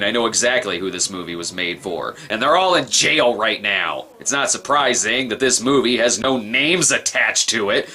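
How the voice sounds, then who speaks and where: A man giving crude, sarcastic comedic commentary on a film, mocking it in a deadpan way. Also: mid-range voice. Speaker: film reviewer.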